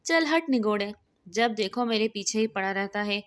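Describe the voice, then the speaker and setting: A woman's voice: mid-range voice, lively intonation, lightly acted. A woman reading as a doting elderly matriarch. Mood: fond scolding. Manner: doting, scolding fondly. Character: affectionate elderly matriarch of the manor.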